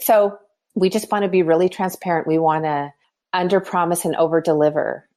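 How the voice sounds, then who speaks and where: A skincare company founder in her fifties appears as a podcast guest, laying out her opinions earnestly and often starting over mid-thought. She has a lowish, slightly mellow voice.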